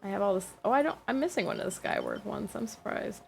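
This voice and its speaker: A woman livestreams a game with casual, rambling commentary, thinking aloud haltingly and second-guessing herself. Her mid-range voice is gravelly, with faint music in the background.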